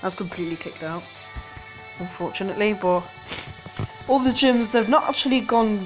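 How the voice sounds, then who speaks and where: A woman's voice: medium pitch, normal speed, music in the background. A woman hosting a game channel, giving casual gameplay commentary indoors at home, rambling with frequent hesitations and self-corrections. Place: indoors at home, street outside.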